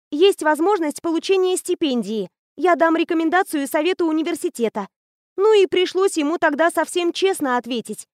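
A bubbly fifteen-year-old girl, as a woman reader puts her on, high and bright as she chatters fast with eager know-it-all excitement. The storybook voice is dry and close, with no room around it. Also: no echo. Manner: rapid, gushing, breathless enthusiasm.

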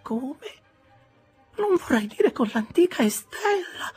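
A man voicing an imperious, gloating old jilted woman in a high, breathy, half-whispered, drawn-out voice. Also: sing-song, a little mellow, soft background music, heavily acted. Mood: mocking.

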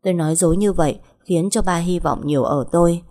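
A woman tells a first-person story. Her voice sits low and she keeps a steady storytelling pace. In dialogue she turns sly and probing. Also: quick pace. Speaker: narrator.

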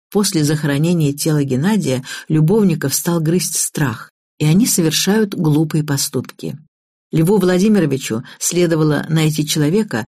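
A woman narrating a first-person audiobook in an even, matter-of-fact way. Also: lowish voice, husky, no room sound, studio quality.

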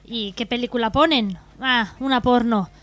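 A woman's voice: a little high, normal speed, a bit bright. A woman co-hosting a humor radio show, telling short jokes and giggling between them in a studio.

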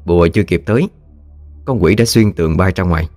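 A man narrating a ghost story in a lively, colloquial way. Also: sits low, fairly quick, no room sound, soft background music.

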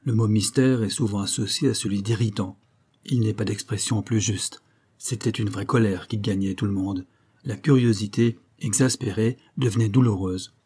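A man reading a classic detective novel aloud as a narrator, with steady storytelling that rises in pitch for the characters' lines. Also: normal speed, breathy edge. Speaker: audiobook narrator.

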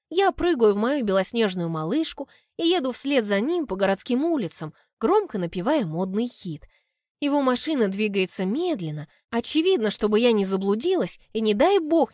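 A young woman narrating a novel in the first person with an expressive, lively delivery. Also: on the high side, no echo, clean studio sound. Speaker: audiobook narrator.

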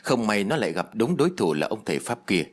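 A man playing a calm, knowing older uncle figure who explains things in a steady, gently teasing way. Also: on the low side, quick pace. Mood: grave.

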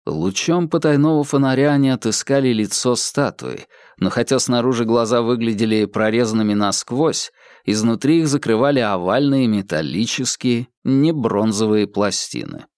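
A man narrating an audiobook in a measured, even reading. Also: mid-range voice, no room sound. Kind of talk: scripted narration.

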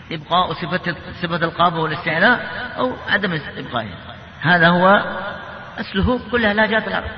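A man teaching the rules of Quran recitation, explaining patiently and chanting example verses slowly. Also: a little high. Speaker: tajwid teacher. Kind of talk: classroom lesson on Quran recitation. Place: mosque. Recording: echoey, dull, slightly noisy hall recording.

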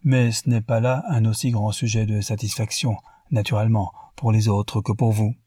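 A cold, solemn French marquis, formal and stiff, as a male reader puts him on. The voice is low and dark. It is read close in a dry space. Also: level tone, moderate pace, husky, dry recording.

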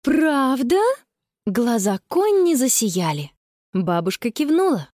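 A woman reads a children's story aloud in a fairly high voice with a lively, sing-song lilt. She voices the characters as she reads, and the recording is close and dry with no room sound. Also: moderate pace, no echo. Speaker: narrator. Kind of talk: children's audiobook narration.

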